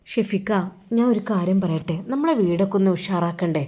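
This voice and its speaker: Give me a woman playing a scheming young wife with a soft, warm, wheedling Malappuram voice. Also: medium pitch, expressive, a little fast, close to an everyday voice. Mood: coaxing. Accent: Malappuram Malayalam. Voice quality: wheedling, sing-song pleading. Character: young wife coaxing her husband, sweet and scheming.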